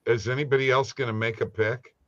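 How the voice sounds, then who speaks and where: A man co-hosting a casual sports betting chat over a video call, his audio choppy and cutting out on a bad internet connection, bantering in an animated, needling way. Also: medium pitch, quick pace, dry recording. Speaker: podcast co-host. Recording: dull dry lo-fi call audio.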